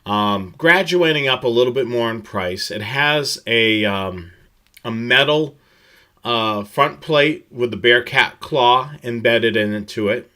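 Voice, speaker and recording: A man presents a live product tutorial, giving an explanatory rundown from semi-scripted slides. His medium-pitched voice is bright and forceful. He moves through the details in a steady, instructional way, pausing haltingly now and then.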